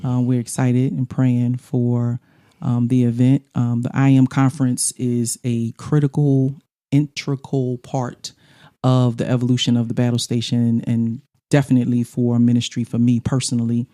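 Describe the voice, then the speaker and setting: A woman's voice: a bass voice, little pitch movement, moderate pace, warm tone. A middle-aged woman co-hosting a casual podcast chat in a studio, talkative and laughing often. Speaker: podcast co-host.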